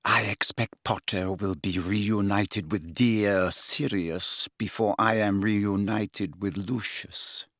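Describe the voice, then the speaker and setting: A man reading an audiobook, voicing a cold, haughty aristocratic mother in a low, quiet, icy drawl. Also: steady tone, slow, few pauses, no echo, clean studio sound. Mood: cold menace.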